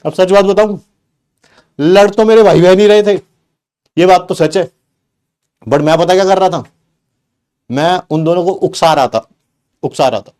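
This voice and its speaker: A middle-aged man from India, a teacher telling a lively personal story to his students, mixing in English phrases. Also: high-pitched, moderate pace, pauses often. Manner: animated, mixes English phrases, acts out family members' lines.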